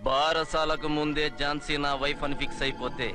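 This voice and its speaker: A man playing a rough, hot-tempered thug. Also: on the high side, flat delivery, a little fast, music in the background, natural voice. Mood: angry. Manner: rough, angry, commanding. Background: loud film score.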